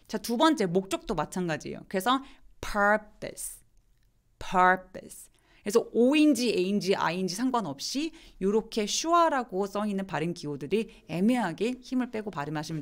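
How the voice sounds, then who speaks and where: Woman, English pronunciation teacher, live online lesson, lively rise and fall in her voice, middle pitch, slows down to demonstrate words. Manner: demonstrates words slowly, answers viewer questions.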